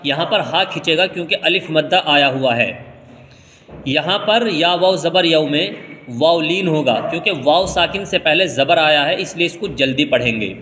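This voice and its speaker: A man from India teaching Quran reading, spelling out letters slowly and then explaining the rules quickly. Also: fairly high pitch, sharp tone, long reverb tail, slight background noise. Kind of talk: step-by-step recitation lesson.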